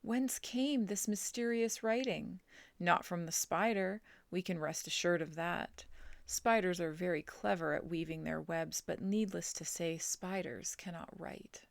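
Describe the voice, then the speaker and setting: A woman reading a children's novel aloud, slowly and gently, dropping to a whisper in quiet passages. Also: lowish voice, creaky, no room sound. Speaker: storybook reader.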